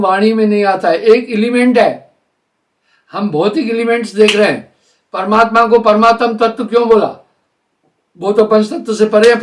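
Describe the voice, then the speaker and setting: An older man giving a live spiritual discourse in a deliberate, explanatory way, slowing down to spell out sounds. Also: sits high, far from the mic. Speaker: spiritual teacher.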